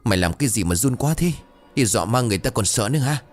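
A man's voice: medium pitch, lively intonation, fast talker, faint music behind, lightly acted. A man voicing a bad-tempered older male landlord who snaps and curses at his servant. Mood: angry scolding. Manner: snapping, scolding and cursing.

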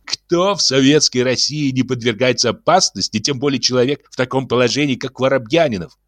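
A man voicing an excitable, boastful middle-aged male locksmith who blusters and shouts. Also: a little fast, no echo, close to an everyday voice. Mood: smug insistence. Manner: shrill, blustering, ironic.

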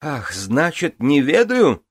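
A man's voice: fairly high pitch, wildly swooping pitch, takes it slowly, no echo, studio quality, voice pushed up, full character voice. A man voicing a hysterical young queen who screams accusations in an audiobook. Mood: frantic.

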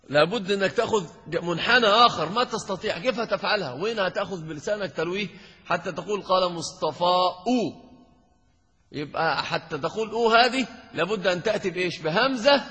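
A man teaching a grammar lesson to a class, lively and quizzing his students. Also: high voice, husky. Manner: lively, questions and teases students. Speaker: sheikh teaching Arabic grammar. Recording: dull lo-fi hall recording.

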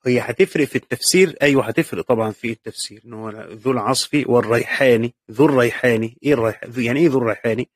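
A man with an Egyptian Arabic accent gives a classroom lecture on Quran commentary in a mid-range voice, speaking rapid-fire with few pauses. He patiently poses questions, answers them himself, and repeats key points. The recording is clean studio sound with no room sound.

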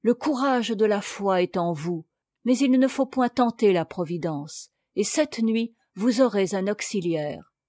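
Woman reader voicing a gentle, grave old monk; slow and mellow, storybook. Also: mid-range voice, lively intonation, dry recording, clean studio sound.

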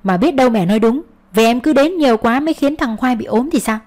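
A woman's voice: fairly high pitch, expressive, fast, a little mellow, close to an everyday voice. A woman playing a curt, dismissive husband. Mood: irritated. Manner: cold, dismissive.

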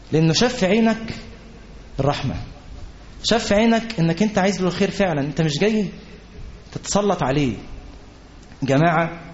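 A man with an Egyptian Arabic accent preaches in a loose, everyday way. He talks very fast, slipping into the voices of the people he quotes. The recording is muffled and lo-fi. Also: high voice, darkish tone. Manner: fast, conversational, quotes people and scripture in acted asides. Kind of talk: colloquial sermon. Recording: dull lo-fi recording.

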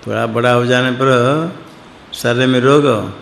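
A man teaches scripture with a slow, unhurried delivery and a gravelly edge to his voice. He explains each word in turn and asks his listeners questions. The recording sounds echoey, like a long hall, with faint noise underneath. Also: medium pitch, fairly even intonation, fairly bright tone. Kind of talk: scripture commentary lesson.

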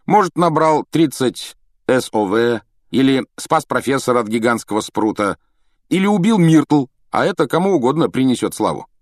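A man's voice: mid-range voice, expressive, moderate pace, dry recording, clean studio sound, voice pushed up, natural voice. A man voicing an ironic, skeptical schoolboy who makes offhand, mocking remarks in an audiobook reading.

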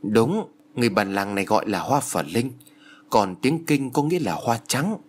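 A man voicing a village woman who guides a visitor and speaks to him in low, confiding tones. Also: expressive, moderate pace, natural voice. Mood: hushed. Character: guiding village woman, hushed and secretive.

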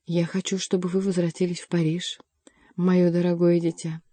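A scheming aging queen mother, sweet and imploring while she commands, as a woman reader puts her on. The voice sits low and mellow, recorded close and dry for an audiobook. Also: normal speed, dry recording, lightly acted. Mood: pleading. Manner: honeyed, imploring.

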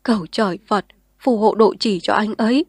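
A woman's voice: medium pitch, moderate pace, dry recording, clean studio sound, lightly acted. A woman voicing a frail, paralyzed old man who speaks faintly through tears. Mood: weeping. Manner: faint, weeping. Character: frail old bedridden man, grateful, weeping.

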